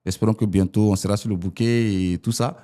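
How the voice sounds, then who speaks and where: A man in his forties from Ivory Coast, a politician arguing his points as a guest in an interview. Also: fairly quick. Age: 40s. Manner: animated, rising pitch when arguing.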